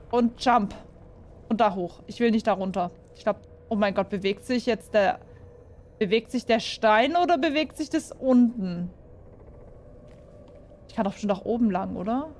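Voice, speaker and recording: A woman's voice: mid-range voice, a little slow, long pauses, a little mellow. A young woman playing a horror game and commenting for her viewers, jumpy and full of exclamations, often asking them questions. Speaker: gaming YouTuber.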